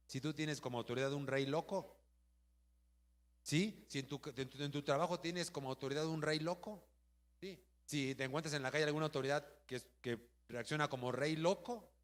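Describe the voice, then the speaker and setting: Mexican pastor guy preaching, kinda high voice, lots of hall echo. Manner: lively preaching, asks the congregation questions. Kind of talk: sermon. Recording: long hall reverb.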